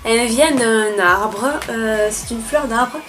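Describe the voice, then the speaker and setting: A woman's voice: a little high, takes it slowly. A young woman filming a casual spring beauty tag, talking hesitantly with many filler sounds. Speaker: beauty vlogger. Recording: music playing behind.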